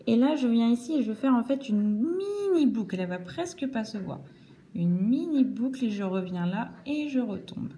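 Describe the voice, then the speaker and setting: A woman teaching children cursive handwriting, explaining each stroke slowly and patiently, step by step. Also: fairly high pitch, very animated, mellow, a little hiss or hum.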